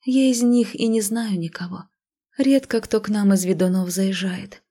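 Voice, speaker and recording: Woman voicing a flat, whispery teenage girl. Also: mid-range voice, normal speed, close to an everyday voice. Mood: listless. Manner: flat, emotionless, half-whispered. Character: listless melancholy fifteen-year-old village girl.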